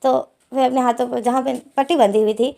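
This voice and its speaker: Woman casually telling a story, high voice. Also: steady tone, fast talker, creaky, dark tone. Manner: casual, rambling with restarts. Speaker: fanfiction reader.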